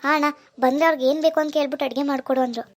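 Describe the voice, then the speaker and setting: A woman's voice: high-pitched, steady tone, rapid-fire, lightly acted. A woman voicing a dutiful young housemaid who answers politely and deferentially. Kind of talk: cartoon voice acting.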